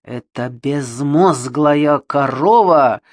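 A woman's voice: low-pitched, expressive, dry recording. A woman doing a furious barking rich father. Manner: barking, slow and emphatic. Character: furious pompous wealthy father, barking orders.

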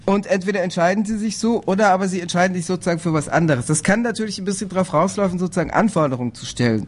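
A man speaking on a political panel, measured and hesitant, with frequent fillers and restarts. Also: sits high. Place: lecture hall.

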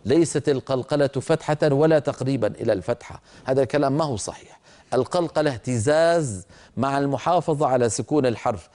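An older man teaching Quran recitation, patiently explaining and slowly stretching out words to show how they are pronounced. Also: mid-range voice, warm tone. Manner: stretches and repeats words slowly to demonstrate pronunciation; explains patiently, addresses listeners directly.

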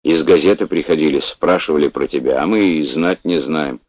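A man's voice: rumbling low, brisk, dry recording. A man voicing a fat, agitated, talkative middle-aged man in glasses, read as part of an audiobook. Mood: chatty. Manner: shouting in alarm, then chatty.

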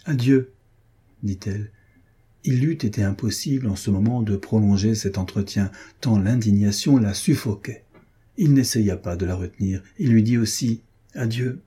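A man narrating a classic novel as an audiobook, in a measured, dramatic literary reading. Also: fairly low pitch, mellow, breathy edge. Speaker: audiobook reader.

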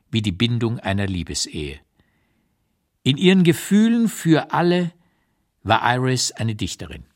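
In a radio play, a male actor with a medium-pitched voice plays a blunt, opinionated old émigré writer. He looks back on his life in a deliberate, emphatic literary monologue, and his tone is critical and blunt.

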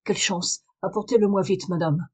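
A woman reader voicing a calm, authoritative male detective in a French audiobook, measured and firm. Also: medium pitch, husky, close to an everyday voice. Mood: brisk commanding. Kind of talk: audiobook reading of a detective story.

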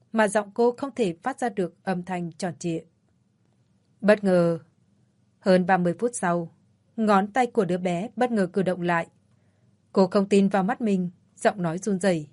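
A woman narrating an audiobook story in a calm, measured way. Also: fairly low pitch, no room sound.

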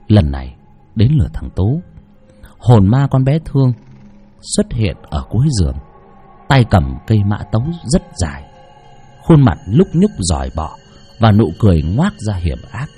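A man's voice: dark tone, breathy edge. A man narrating a horror story dramatically. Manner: dramatic, shifting pitch for effect.

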